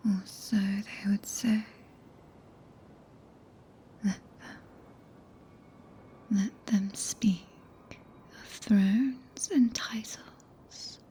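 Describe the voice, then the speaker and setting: Whispering breathily into a binaural mic, a British woman plays a tender, possessive, regal witch in an ASMR roleplay, using archaic English that soothes and commands at once. Her medium-pitched voice is mellow and fairly even, extremely slow with frequent pauses, and she sounds entranced and possessive.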